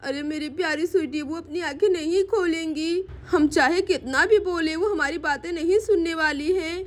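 A woman voicing a gentle aunt doll who soothes a crying child. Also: very high-pitched, moderate pace. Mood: soothing. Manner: soothing, coaxing.

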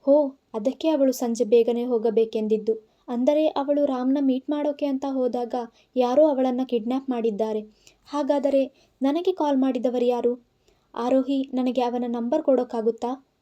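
A woman's voice: sits high, fairly even intonation, moderate pace, warm tone, muffled recording, lightly acted. Woman voicing a pleading young hero. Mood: questioning. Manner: pleading, urgent questioning. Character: young man, worried protective hero.

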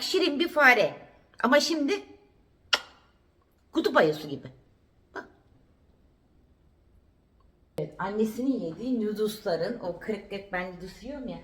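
A woman from Turkey chatting casually to camera at home in a daily vlog, talking to her puppy in a cooing voice and repeating herself. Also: fairly high pitch. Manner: chatty, cooing baby talk to her dog, repeats phrases. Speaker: vlogger. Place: at home indoors.

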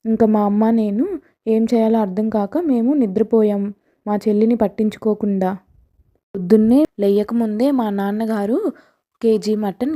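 A woman narrating a village ghost story in a calm, matter-of-fact storytelling way. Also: mid-range voice.

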